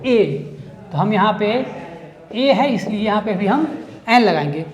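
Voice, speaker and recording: A woman teaching a grammar lesson. She works through each example step by step, putting questions to her listeners and answering them herself. Her voice sits at a middle pitch and carries the echo of a roomy space. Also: animated, unhurried, darkish tone. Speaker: English teacher. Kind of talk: classroom-style grammar lesson.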